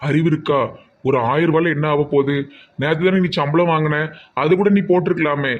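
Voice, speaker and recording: A man's voice: a little high, fairly even intonation, fairly quick, natural voice. A man voicing a reformed auto-driver husband in a comic cartoon, with a Tirunelveli Tamil accent and a lecturing, advice-giving manner. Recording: tinny phone-like sound.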